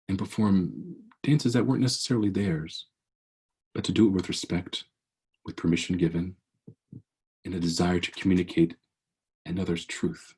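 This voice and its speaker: A man's voice: low voice, darkish tone, breathy edge. A man in his forties giving an earnest, preacher-like motivational keynote over a video call, often restarting his phrases. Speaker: keynote speaker.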